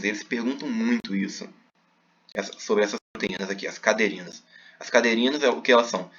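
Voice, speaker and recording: A man's voice: medium pitch, a bit bright, dull audio. A man teaching a recorded class, explaining step by step with many fillers.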